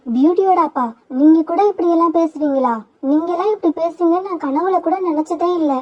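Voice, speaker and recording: A woman's voice: very high-pitched, brisk. A woman voicing a heartbroken mother sparrow who pleads with her husband in a grieving tone in a cartoon. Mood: pleading. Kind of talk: cartoon voice acting. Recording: dull lo-fi sound.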